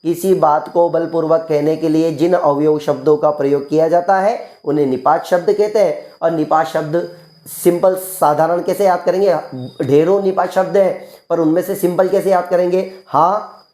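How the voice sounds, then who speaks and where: A male teacher giving an exam-prep grammar lesson. He explains patiently and slowly, repeats key phrases, and asks the class questions before answering them himself. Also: fairly high pitch, steady tone, dark tone. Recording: roomy echo.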